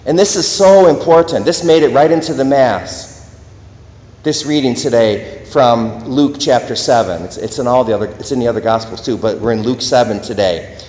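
An earnest priest preaches a homily, pressing his points home with steady emphasis. His voice rings through a large church with a long, roomy echo. The recording sounds dull and lo-fi. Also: medium pitch, moderate pace. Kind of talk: sermon. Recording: echoey church hall, dull lo-fi.

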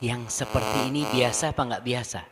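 Animated preacher man in a reverberant hall. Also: a little fast, background noise. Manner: animated, swings from low murmurs to high emphatic bursts. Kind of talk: sermon.

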